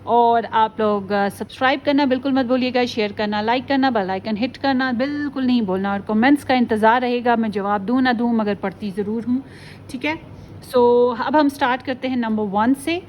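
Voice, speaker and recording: A woman's voice: fairly high pitch, normal speed, dull audio, a little hiss or hum. A woman tarot reader talking casually to her viewers, chatty and often slipping in English phrases. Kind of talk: casual pick-a-card tarot video.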